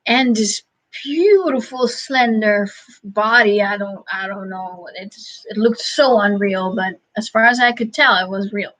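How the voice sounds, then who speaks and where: A woman hosting a casual livestream, answering chat questions in a halting, thinking-aloud way with frequent chuckles. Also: medium pitch, fairly bright tone, rough recording.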